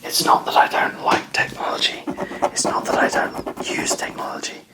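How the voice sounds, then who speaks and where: A person whispering a casual, self-deprecating ASMR ramble in a breathy, unvoiced voice, musing in a chatty way. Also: moderate pace. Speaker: ASMR video creator.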